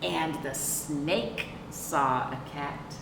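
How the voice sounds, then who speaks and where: With a deep voice and vocal fry, a middle-aged librarian reads a picture book to young children at storytime, explaining deliberately and asking rhetorical questions. She's filmed by a camera a few feet away in an echoey, noisy indoor room with a sofa.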